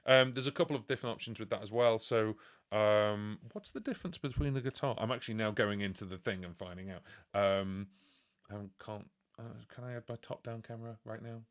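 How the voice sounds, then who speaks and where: A man's voice: fairly low pitch, fairly quick. A man in his forties from the UK, casually chatting on a music live stream and answering viewer questions with lots of fillers. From United Kingdom. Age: 40s.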